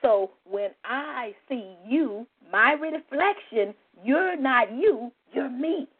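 A woman's voice: high voice, lively intonation, slow pace, husky. Tinny-sounding woman giving an emphatic spiritual lesson. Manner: repetitive, emphatic, with many "you know" asides. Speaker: spiritual teacher.

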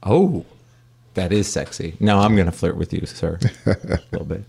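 A man's voice: sits low, normal speed, creaky, darkish tone, husky. A man who hosts a comedy podcast and works as a voice actor, asking questions in a playful, teasing, flirty way.

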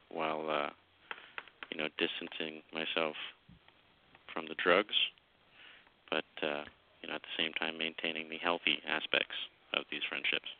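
Radio caller, man in his twenties, deep voice, tinny phone line, hesitant and halting. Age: 20s. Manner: hesitant, halting with many fillers.

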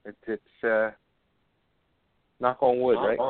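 A man's voice: mid-range voice, flat delivery, takes it slowly, dry recording. A man co-hosting a show, calling in over a phone line and chatting loosely with lots of fillers. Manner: loose and rambling, with many fillers. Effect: heard over a phone line. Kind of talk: casual chat. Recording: tinny, dry phone line.

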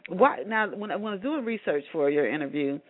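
Eager higher-voiced male host, phone-thin sound. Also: expressive, a little fast. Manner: enthusiastic, stammering repeats. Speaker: radio show host. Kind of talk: interview hosting. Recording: tinny phone-line sound.

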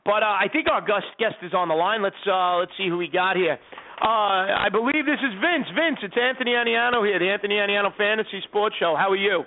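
A man in his thirties hosts a fantasy sports radio show, his high-sitting voice moving briskly. He rambles and repeats words, and the recording has a tinny, phone-like sound.

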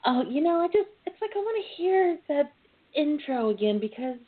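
A woman's voice: high-pitched, very animated, moderate pace. A woman hosting a call-in talk show in a chatty, playful, informal way. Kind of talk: casual chat. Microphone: phone line. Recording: tinny phone line with noise.

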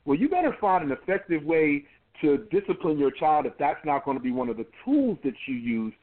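A man's voice: a little high, big pitch swings, brisk. Emphatic pastor in his forties, phone-line sound. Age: 40s. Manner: emphatic, repeats words while building a point. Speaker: pastor and interview guest. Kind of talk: conversational interview. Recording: tinny phone-line audio.

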